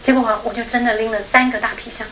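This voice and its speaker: A woman's voice: a little high, flat delivery, fast talker, a little hiss or hum. A woman from Taiwan with a Taiwanese Mandarin accent, telling a personal story in a chatty way as a panel speaker. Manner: chatty, tags sentences with a soft particle, laughs often. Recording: echoey room, dull sound.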